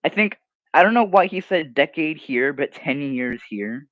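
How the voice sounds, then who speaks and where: A man's voice: fairly high pitch, expressive, unhurried, a bit bright, dry recording, lo-fi sound. Young man rambling through a mocking livestream. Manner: rambling, mocking, restarts mid-sentence. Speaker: streamer. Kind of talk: casual livestream commentary reading comments.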